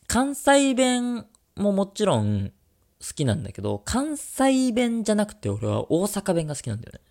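A man's voice: fairly high pitch, gravelly, darkish tone. A man co-hosting a radio-style podcast, chatting casually and teasing his co-host with jokes. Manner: teasing, joking banter.

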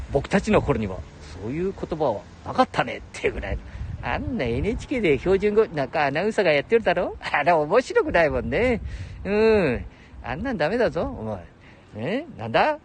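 A man's voice: a little high, noisy background. An older man in his seventies with a Nagoya-area Japanese dialect, rambling and chuckling on a solo livestream. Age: 70s. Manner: chatty, laughs often, talks to himself. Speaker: livestream host.

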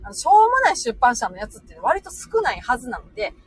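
A middle-aged woman from Osaka and Nara with a Kansai accent, talking off the cuff on a livestream in a rapid, chatty way. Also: on the high side, sing-song, a little hiss or hum. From Osaka-born, raised in Nara. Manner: rapid chatty machine-gun talk. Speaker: livestream host. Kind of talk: unscripted livestream talk reading comments.

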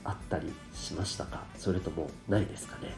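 A man's voice: low voice, fairly even intonation, brisk. A man with a congested, nasal voice, talking politely and explaining things to listeners as a solo podcast host. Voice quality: nasal, stuffed-up voice. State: congested from rhinitis and dust. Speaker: podcast host and parenting coach. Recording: roomy, echoey sound with light music.

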